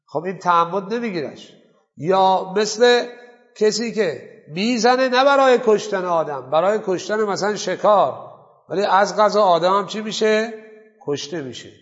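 A man with a high voice gives a seminary lecture on Islamic law. He poses questions to the class and answers them himself. The sound is muffled and lo-fi, with a long reverb tail from a large hall. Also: animated, a bit bright. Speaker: seminary teacher.

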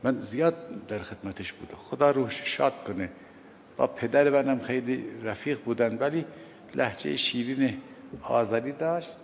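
An older man giving a sermon on a prayer, telling stories emphatically, repeating key phrases and swinging between loud and hushed delivery. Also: mid-range voice, creaky, slight background noise. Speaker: religious teacher. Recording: dull lo-fi recording with long hall reverb.

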